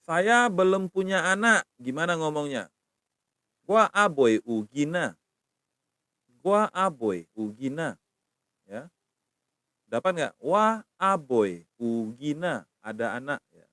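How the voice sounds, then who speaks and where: A middle-aged man teaches a language on a live stream, patiently sounding out words slowly and checking in with his viewers. His voice sits a little high, and he speaks close to a phone mic in a dry, dead-sounding space. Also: big pitch swings, fairly bright tone, no echo.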